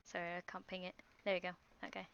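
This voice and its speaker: A woman playing a tabletop game, declaring her character's moves in short, soft-spoken phrases. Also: on the low side, monotone, fast talker, vocal fry, clean tone, no room sound, highs cut off. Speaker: player.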